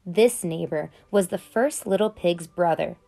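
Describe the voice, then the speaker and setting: Reading aloud from a children's picture book, a woman gives voice to a sly, smooth-talking male wolf who tells his side of the story in a chatty, conspiratorial way. Her voice is lowish, unhurried and dark in tone.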